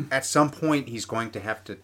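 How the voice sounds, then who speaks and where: A man's voice: mid-range voice, normal speed, fairly bright tone. A man co-hosting a podcast, rambling through casual sports chat with lots of fillers. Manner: chatty, rambling, many fillers. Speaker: podcast co-host.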